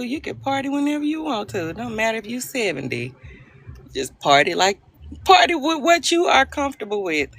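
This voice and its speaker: Broadcasting from her phone, a woman from Arkansas in the US South hosts a playful live-stream chat, laughing often and greeting viewers by name. Her voice is lowish and gravelly with a bright edge.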